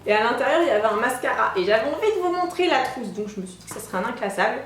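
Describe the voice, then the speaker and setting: A young woman beauty vlogger chatting excitedly through a product unboxing, with lots of hesitations. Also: fairly high pitch, rapid-fire. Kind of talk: casual product unboxing chat. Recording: echoey room.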